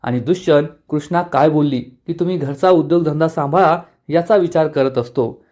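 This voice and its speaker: A man narrating an episode recap of a TV serial in a steady storytelling manner. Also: on the high side, moderate pace.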